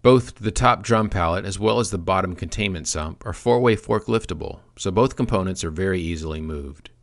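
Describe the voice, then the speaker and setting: Male product trainer with a deep voice, reading a script with dry, deadpan humor. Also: a little fast.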